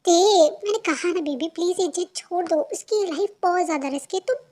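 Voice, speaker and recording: A reader voicing a worried, protective father who gently coaxes his daughter, in an amateur voiced fan story. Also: very high voice, brisk. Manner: soothing, coaxing.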